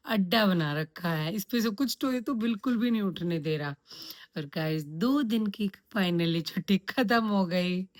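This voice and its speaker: Chatty woman vlogging her day. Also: mid-range voice. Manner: chatty, storytelling, mixes English words into Hindi. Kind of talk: casual daily vlog. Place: home, then office.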